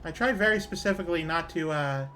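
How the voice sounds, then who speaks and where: A woman's voice: on the low side, quick pace, a bit bright, slight background noise. A woman with a Canadian accent, chatting casually with her viewers while gaming, rambling with fillers and small laughs. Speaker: streamer.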